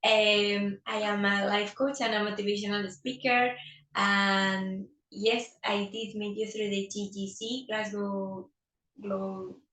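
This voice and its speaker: Upbeat woman life coach, bright voice. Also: medium pitch, little pitch movement, slow pace. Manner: enthusiastic, laughs often. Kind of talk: casual interview chat. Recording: roomy echo, mic at a distance.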